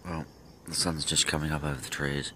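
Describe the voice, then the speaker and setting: A middle-aged man filming his own fishing trip, chatting casually and thinking aloud with pauses from behind a handheld camera by a lake. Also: very deep voice, flat delivery, very noisy. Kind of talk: casual self-filmed commentary. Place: outdoors by a lake. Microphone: handheld camera from behind the lens. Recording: outdoor ambience with nature sounds.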